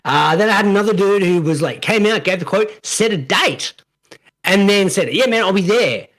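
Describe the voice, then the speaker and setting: A man's voice: sits high, normal speed, fairly bright tone. A man with an Australian accent, co-hosting a podcast and telling a story in casual chat, swearing freely and acting out quotes. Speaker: podcast co-host.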